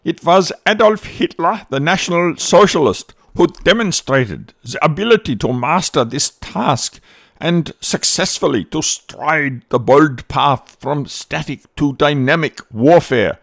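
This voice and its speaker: Man voicing a zealous editor, declaiming, higher pitched, emphatic. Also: animated, unhurried, gravelly, fairly bright tone, dry recording, clean studio sound, heavily acted. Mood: fervent. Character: fervent male Nazi newspaper editor praising his leader.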